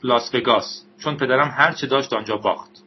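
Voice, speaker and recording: A man's voice: medium pitch, slightly rough, muffled recording, close to an everyday voice. A man voicing an eager, easily thrilled young woman who jokes along in a storybook reading. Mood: amused. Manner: excited, joking.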